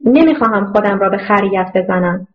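A woman reading a regretful man pleading softly. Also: mid-range voice, lightly acted. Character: man returned after years, tender, regretful. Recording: muffled lo-fi audio.

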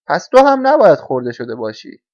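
A man's voice: a little high, wildly swooping pitch, dry recording. A man doing a cheerful little grasshopper. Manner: bright and matter-of-fact. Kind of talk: storybook reading. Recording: dull, dry lo-fi recording.

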